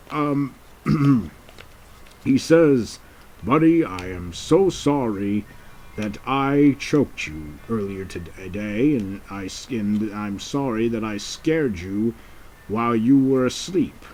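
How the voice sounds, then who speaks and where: Rich: A proper, courteous male go-between, voiced by a man in a homemade puppet drama. He speaks slowly and formally, with wide swings in pitch. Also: lively intonation, a little mellow, slight background noise.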